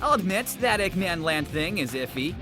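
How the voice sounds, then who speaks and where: A man's voice: high-pitched, sing-song, normal speed. A man voicing a cocky young male hedgehog hero in a fan comic dub, casual and self-assured. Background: background music.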